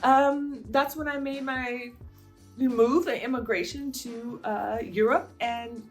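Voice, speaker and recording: Faint soft music sits under this slow, loose monologue from a woman in her fifties from the United States, a vlogger working through viewer questions. Her voice is fairly high with fairly even intonation, and her chatty talk wanders with lots of fillers.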